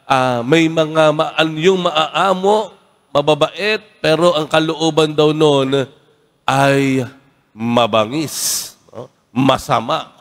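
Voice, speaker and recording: Priest guy preaching in a big church, kinda high voice, tells stories casually, lots of echo. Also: takes it slowly. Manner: conversational, tags "no?" after phrases; animated storyteller, acts out quoted voices. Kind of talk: homily with storytelling. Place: large church. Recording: long church reverb.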